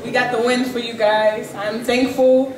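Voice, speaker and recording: A woman, a native English speaker with a foreign accent in French, giving a halting thank-you speech to fans as a player. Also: fairly high pitch, level tone. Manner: halting, slow delivery. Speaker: basketball player. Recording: echoey hall, distant mic, loud crowd.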